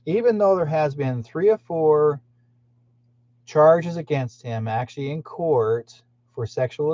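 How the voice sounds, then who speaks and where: With a mellow, mid-range voice, a man from Canada who hosts a channel launches into an indignant, rambling monologue to his listeners. The recording sounds muffled and lo-fi.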